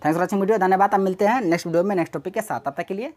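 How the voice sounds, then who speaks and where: A woman's voice: mid-range voice, racing, a little mellow. A woman teaching an exam-prep grammar lesson, explaining step by step and repeating key words.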